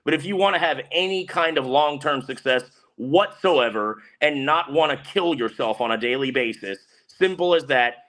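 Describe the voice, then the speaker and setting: A man's voice: medium pitch, a bit bright. A man co-hosting a betting podcast in casual chat, blunt and fired up, ranting with swearing.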